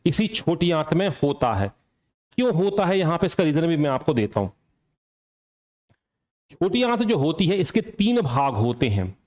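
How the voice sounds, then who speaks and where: A man with a slightly high voice gives an exam coaching lecture. He quizzes his students aloud, answers his own questions, and drills each point by saying it again. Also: big pitch swings, moderate pace, long pauses, darkish tone. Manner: repeats key points for drilling. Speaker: teacher.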